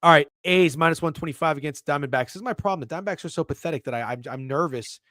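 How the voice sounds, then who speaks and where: A man co-hosting a sports betting podcast in casual chat, excitable, swearing freely and tripping over his words. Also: fairly high pitch, racing, dry recording, clean studio sound.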